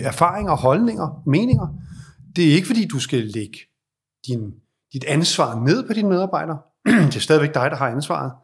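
A man with a husky, slightly rough voice talks through leadership advice in a podcast interview. He is reflective and thinks aloud, circling back and restarting his sentences as he builds his point. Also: on the high side. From Denmark. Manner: reflective, explains at length with restarts. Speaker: leadership advisor.

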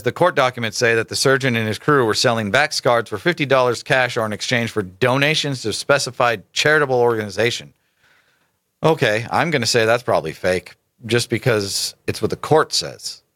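A man's voice: mid-range voice, pushed and bright, dry recording, studio quality. A man hosting casual political commentary, reading articles aloud with emphatic rhetorical asides and stumbling over names. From United States.

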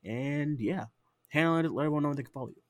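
A man's voice: fairly high pitch, fast talker, no echo, studio quality. A man co-hosting a late-night podcast in casual, ranting chat, tired and swearing freely. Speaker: podcast co-host.

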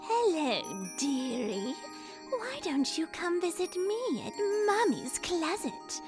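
An actress playing a sweetly sinister old woman shopkeeper in a radio ad, cooing and drawn-out. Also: very high voice, very animated, over music, full character voice. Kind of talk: radio ad parody.

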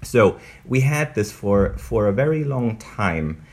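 A man with a somewhat deep voice moderates a political interview. He sets up each question with care and keeps a courteous, measured manner. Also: animated. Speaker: interviewer, host.

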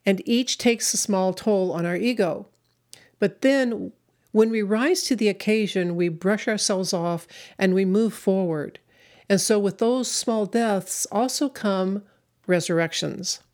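A woman giving an inspirational spiritual talk in measured, reflective short phrases. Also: medium pitch, darkish tone. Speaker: spiritual speaker.

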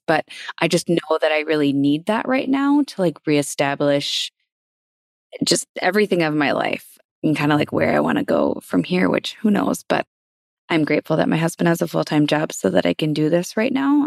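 A woman's voice: low voice, creaky, no echo, clean studio sound. A middle-aged woman co-hosting a podcast, talking in a rambling, reflective way with many fillers. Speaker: podcast co-host. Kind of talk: casual chat.

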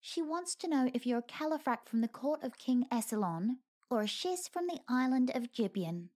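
A woman's voice: high voice, lively intonation, normal speed, darkish tone, voice pushed up. A woman voicing a small, cheeky female winged animal companion who trades dry quips in a raised, perky voice.

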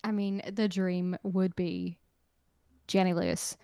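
A woman's voice: lowish voice, sing-song, slow, mellow, smooth, dry recording. Irish woman, musician guest, chatty and rambling, dry close mic. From Ireland. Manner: chatty, rambling, many fillers and laughs. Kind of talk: casual interview chat.

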